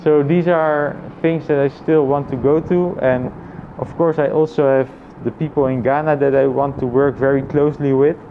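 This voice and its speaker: In a casual vlog, a man with an average-pitched voice thinks out loud, his intonation fairly even. He sounds reflective and halting, often repeating phrases as he works through his ideas. The audio is slightly dull, with faint traffic in the background.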